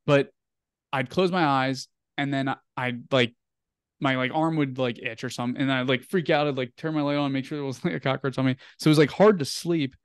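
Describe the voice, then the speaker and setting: A man's voice: mid-range voice, fairly even intonation, brisk, clean tone, dry recording. Chatty young man, dry close mic. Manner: rambling, filler-heavy, "like" and "um" often. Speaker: interview guest. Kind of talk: casual storytelling interview.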